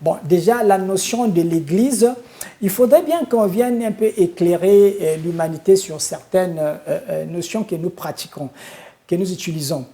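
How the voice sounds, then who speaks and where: A man from Congo-Brazzaville who serves as a spiritual leader answers questions in a studio interview. He speaks in a solemn, preaching manner with a high-pitched, warm voice, often pausing on hesitant fillers.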